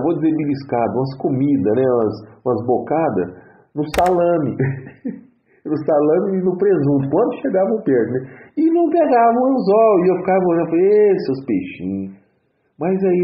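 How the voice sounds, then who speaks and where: A Brazilian man giving an earnest religious testimony, repeating his exhortations over and over. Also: mid-range voice. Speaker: church member giving testimony. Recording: tinny phone-like audio in an echoey room.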